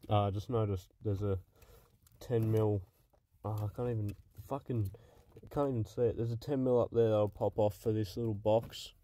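Out of breath and working in a cramped car footwell, a car project vlogger narrates casually, muttering and swearing along the way. His voice is on the low side and warm, with slight background noise.

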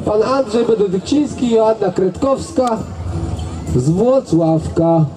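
A man's voice: high voice, takes it slowly, music in the background, poor audio. A man working as event announcer, giving live commentary to a crowd at an outdoor carriage-driving competition in a chatty manner. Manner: chatty, addresses the crowd directly. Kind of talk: live sports commentary over a public address.

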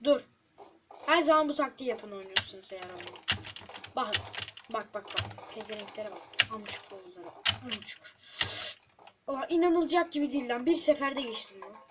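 A woman's voice: on the high side, expressive, normal speed. A woman hosting a let's play, talking to the game in frustration and swearing often. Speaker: gaming channel host. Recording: loud keyboard clicks and noise.

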